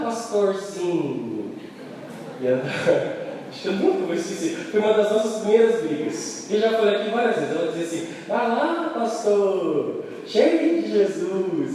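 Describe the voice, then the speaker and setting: A man with a Brazilian Portuguese accent preaching a sermon as a church elder, swinging between loud proclamation and quiet personal storytelling. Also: on the high side. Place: church sanctuary. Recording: echoey church hall from far off, faint noise.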